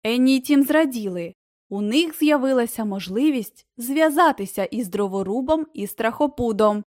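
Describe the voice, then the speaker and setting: A woman narrates a children's tale with a gentle, expressive touch. Her voice sits fairly high for a woman. The recording is close and dry, with no room sound. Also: moderate pace, no room sound. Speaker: audiobook narrator.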